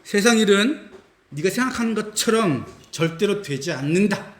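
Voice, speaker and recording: Animated, emphatic man teaching scripture. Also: high-pitched, moderate pace, reverberant. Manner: emphatic, dramatizes quotes, addresses audience directly. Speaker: Bible study teacher. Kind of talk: animated lecture.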